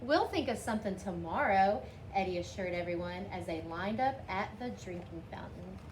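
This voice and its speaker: A woman's voice: medium pitch, expressive, moderate pace, reverberant, low-quality recording. A woman reading a picture book aloud expressively, lifting her voice for the children's lines. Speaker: storybook reader. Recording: faint background noise.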